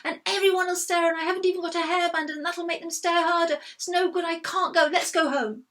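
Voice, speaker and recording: A woman doing a weepy young girl, high and wailing. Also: flat delivery, moderate pace. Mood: panicking. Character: tearful panicky young girl dancer.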